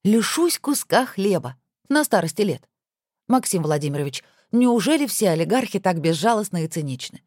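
Lady putting on a lively witty wife, swoopy and playful, storybook. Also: mid-range voice, moderate pace, no room sound, studio quality. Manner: bright playful exclamations. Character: lively, witty woman editor, loving wife.

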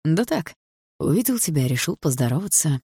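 A woman's voice: low-pitched, very animated, moderate pace, warm tone, breathy edge, no echo, clean studio sound, full character voice. A woman voicing an arrogant young man who speaks in a sneering, condescending way.

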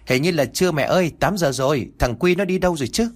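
A man's voice: on the high side, animated, fast, voice pushed up. A man voicing uneasy grown-up siblings answering their mother in a spoken ghost story. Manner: uneasy, questioning.

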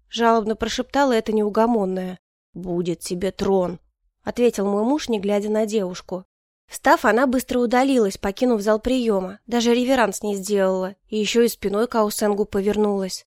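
A woman reading a first-person story aloud in a calm, wry way. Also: medium pitch, no echo, clean studio sound. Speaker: audiobook narrator. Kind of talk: first-person scripted narration.

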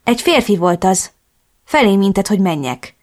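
A woman reading a first-person novel aloud as audiobook narrator, in a steady, clear storytelling manner. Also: mid-range voice.

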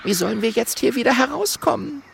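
A man's voice: high voice, lively intonation, unhurried, vocal fry, a bit bright, slight background noise, pitched above the performer's own voice, full character voice. A man voicing an indignant, prim little female porcupine.

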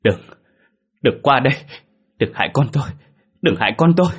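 A man's voice: lowish voice, fairly quick, husky. A man voicing a frightened, fiercely protective pregnant young wife who pleads and sobs in panic. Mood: terrified.

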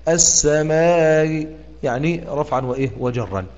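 A man with an Egyptian accent teaches the rules of Quran recitation, his voice a touch higher than most. He keeps asking his listeners "what?" and slowly stretches out the sample words he recites. The audio is dull and lo-fi, with a long, hall-like reverb trailing each phrase. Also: darkish tone. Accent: Egyptian Arabic. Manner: questioning, pausing with "what?" for students to answer; drawn-out demonstrative recitation of words. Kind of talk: explaining Quran reading rules to students.

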